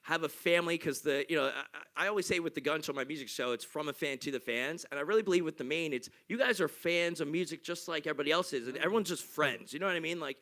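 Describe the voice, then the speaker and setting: Male interviewer, upbeat and playful, bright and a bit high. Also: fast talker, few pauses. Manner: hyped, loud and playful. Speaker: radio show host. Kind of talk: casual interview chat.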